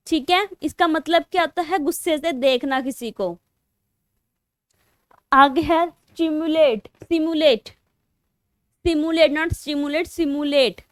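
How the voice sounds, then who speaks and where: A woman's voice: high-pitched, dry recording, studio quality. A woman with an Indian accent teaching English spelling online, spelling words out letter by letter and mixing Hindi with English. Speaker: English teacher for exam prep.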